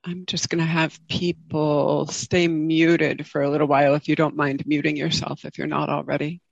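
A woman giving an informal dharma talk as a meditation teacher, speaking in a gentle, reflective and halting way. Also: low-pitched, flat delivery, vocal fry, no room sound, muffled recording. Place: online group video call.

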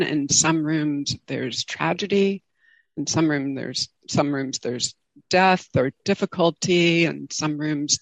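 A woman speaks slowly as a meditation teacher, in a close, dry recording. Her delivery is gentle and reflective, with a halting, informal flow as she addresses her group. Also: low voice, no echo. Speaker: meditation teacher giving a talk. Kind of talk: informal dharma talk. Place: online group video call.

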